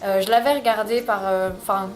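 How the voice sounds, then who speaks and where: A woman's voice: mid-range voice, fairly even intonation, fairly quick. Young woman, casual vlog, hesitant restarts, faint music underneath. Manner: chatty, hesitant, with many fillers and restarts. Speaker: vlogger. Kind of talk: casual monthly recommendations vlog. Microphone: camcorder microphone.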